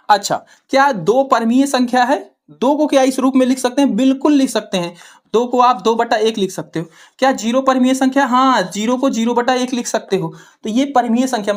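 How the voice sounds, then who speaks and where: A woman with a Hindi accent from Uttar Pradesh teaching maths. She asks questions, answers them herself and keeps checking with "ठीक है". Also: fairly high pitch. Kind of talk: classroom-style explanation to students.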